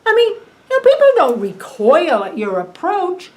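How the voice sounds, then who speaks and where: A woman's voice: high-pitched, wildly swooping pitch, moderate pace, darkish tone, low-quality recording. A woman playing a dry, teasing older wife. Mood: wistful. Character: wry long-married wife, blunt and teasing. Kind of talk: film drama acting.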